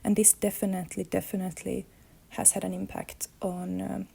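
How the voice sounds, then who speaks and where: Gravelly, even-toned Finnish-woman. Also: medium pitch, moderate pace. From Finland. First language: Swedish. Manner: thoughtful, searching for words. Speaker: illustrator and comics artist. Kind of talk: reflective life-story monologue.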